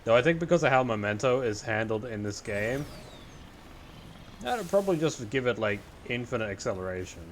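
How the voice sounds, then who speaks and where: A man's voice: mid-range voice, sing-song, brisk, slight background noise. A man giving casual video game commentary, talking to himself and reading game text aloud as he plays. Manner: talks to himself while playing.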